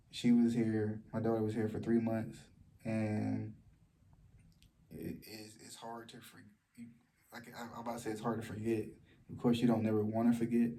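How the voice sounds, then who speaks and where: A man talking in a personal vlog, speaking softly and low in a halting way, with many fillers and restarts. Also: slight background noise. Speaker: vlogger. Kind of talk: personal vlog, sharing a story of loss.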